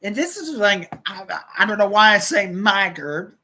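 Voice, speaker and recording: A woman's voice: mid-range voice, very animated, moderate pace, pushed and bright, low-quality recording. A woman hosting a livestream, telling a rambling story with lots of repetition and cursing. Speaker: livestream host.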